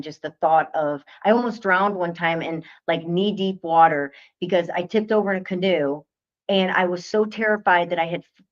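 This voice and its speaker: Chatty woman co-hosting on dull audio. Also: fairly low pitch. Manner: chatty, animated storyteller who laughs often. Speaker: co-host. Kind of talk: casual chat.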